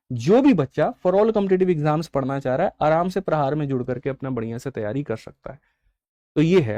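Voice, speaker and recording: A man's voice: high voice, warm tone, dry recording, studio quality. A young man who teaches exam preparation, explaining his course batches and fees to students in a casual, persuasive way, often calling them brother and tagging "theek hai". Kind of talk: online class sales pitch and lesson.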